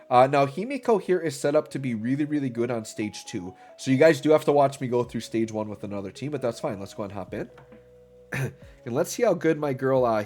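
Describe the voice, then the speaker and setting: A man with a mid-range, slightly mellow voice hosts a gaming channel, talking casually and cheerfully while he plays. Illness leaves him sounding a little stuffy, and fillers such as "um" and "right?" crop up constantly.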